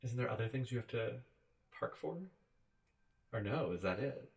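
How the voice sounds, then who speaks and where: A man's voice: mid-range voice, expressive, normal speed, gravelly, rough recording. A young man hosting a casual conversation, asking questions and telling wry, rambling anecdotes with jokey asides. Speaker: podcast host asking questions.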